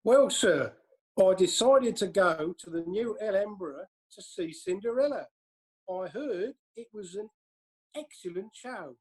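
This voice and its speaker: A man's voice: high-pitched, animated, unhurried, darkish tone, slightly rough, full character voice. A man playing a nervous, stammering defendant in an amateur courtroom audio drama. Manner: hesitant, stammering.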